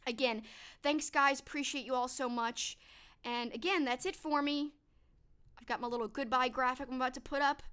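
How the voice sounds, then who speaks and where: A young woman wraps up her livestream casually, chatting upbeat with her viewers and thanking them one by one. Her high voice is smooth with a sharp tone, steady and at normal speed, and she sounds a bit stuffed up.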